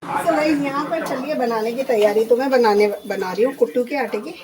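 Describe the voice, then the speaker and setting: Chatty hoarse woman at home. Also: on the high side, a little fast, a loud crowd. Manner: chatty, narrates her chores step by step. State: hoarse, voice going. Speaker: vlogger. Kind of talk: casual home vlog. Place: at home, indoors.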